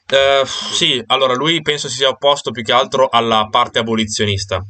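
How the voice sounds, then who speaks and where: A man's voice: mid-range voice, fairly even intonation, moderate pace, pushed and bright. A man leading a casual group discussion over a video call, thinking aloud with fillers and restarts.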